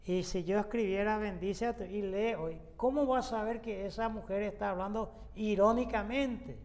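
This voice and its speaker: A pastor leads a Bible study, his voice high for a man and a little mellow. He explains things unhurriedly, pausing on fillers and restarting phrases, while a long reverb trails after each sentence.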